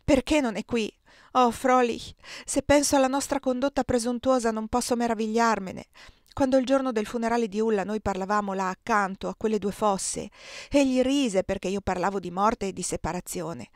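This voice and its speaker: A woman reading an audiobook, voicing an anxious, earnest young woman who pleads and rises to high exclamations. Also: fairly quick, dry recording, studio quality, lightly acted.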